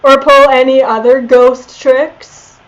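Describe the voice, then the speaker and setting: A woman's voice: sits high, flat delivery, slow pace, low-quality recording. Woman doing a nervous, rambling broke guy. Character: nervous broke man who sleeps in his car.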